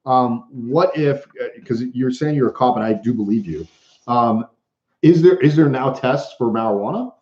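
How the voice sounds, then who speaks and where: A male livestream host chatting casually through a Q&A, often stumbling and restarting his sentences. His voice is mellow and dark in tone. It sits in a roomy, echoey space with a dull, lo-fi stream sound. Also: medium pitch. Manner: halting, restarts often while reading viewer comments. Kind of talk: casual live Q&A chat.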